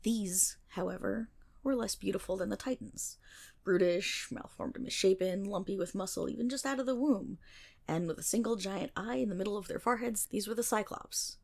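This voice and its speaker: A medium-pitched, gravelly-voiced woman roleplays a nerdy best friend for ASMR, teasing as she wanders through mythological tales. It comes across as storytelling, punctuated by dramatic pauses and wry, animated side comments.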